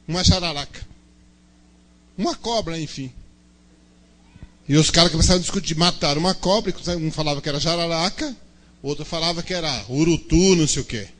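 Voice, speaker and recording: Chatty Brazilian man telling a joke. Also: a little high. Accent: Brazilian Portuguese. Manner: chatty, checks in with the audience. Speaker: speaker at youth service. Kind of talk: joking anecdote.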